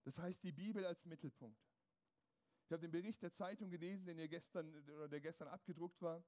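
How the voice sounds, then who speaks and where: A man with a notably high voice preaching a sermon. He speaks emphatically to the congregation and builds his points through runs of rhetorical questions. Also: fairly quick, darkish tone.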